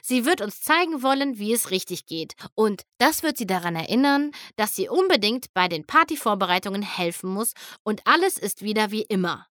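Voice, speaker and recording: A woman's voice: medium pitch, big pitch swings, normal speed, hardly any pauses, a bit bright, no room sound. Storybook role: a cocky, sporty young pony girl, put on by a woman reader, dry close sound.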